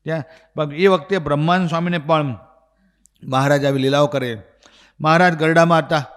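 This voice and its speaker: Man, Gujarati accent, sermon storytelling, lively acted dialogue, slightly high voice, long hall echo. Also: normal speed, clear, resonant tone. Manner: animated storyteller acting out dialogue. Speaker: swami giving a religious discourse.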